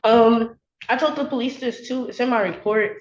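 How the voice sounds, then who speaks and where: A young woman, a college student, defends herself in court in emotional testimony, sounding upset and defensive and leaning heavily on "like." Her voice is fairly high and moderately paced, and the courtroom audio is echoey and dull.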